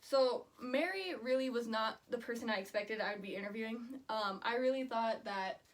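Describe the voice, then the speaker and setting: A woman's voice: a little high, moderate pace. A woman student giving a prepared oral presentation on her research in an earnest, explanatory manner. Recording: distant microphone.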